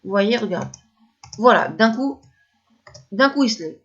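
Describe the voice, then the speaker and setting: A woman's voice: medium pitch, expressive, unhurried, fairly bright tone, husky, muffled recording. A woman teaching video editing step by step, hesitant and repeating herself as she talks through each click. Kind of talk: screen-recorded editing tutorial.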